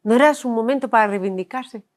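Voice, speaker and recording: Mexican woman interviewer, probing gently. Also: a little high, fast talker. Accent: Mexican Spanish. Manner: probing, empathetic questions.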